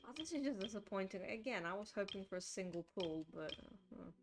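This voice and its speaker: A woman's voice: mid-range voice, lively intonation, a little fast. A woman streaming a game with casual commentary, musing and thinking aloud. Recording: loud game music behind the voice. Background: game music.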